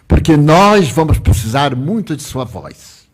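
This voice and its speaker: A man voicing a gentle young female spirit nurse, speaking softly and kindly. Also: a little high, sing-song, unhurried.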